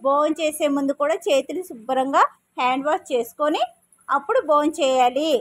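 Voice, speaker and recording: A woman's voice: sits high, normal speed. A woman preschool teacher talking to small children in a classroom. She keeps asking questions, repeats the answers back, and gives simple, firm commands.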